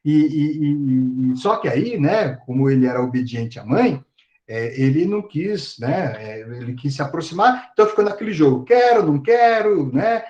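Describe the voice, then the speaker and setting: A man lectures casually and tells a story in slang, full of fillers. His voice is high and moves animatedly up and down. The audio is slightly muffled, like an online class. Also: expressive, moderate pace, darkish tone. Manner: colloquial, slangy storytelling with many fillers and laughs. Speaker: psychology lecturer. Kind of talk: casual university lecture, retelling a myth.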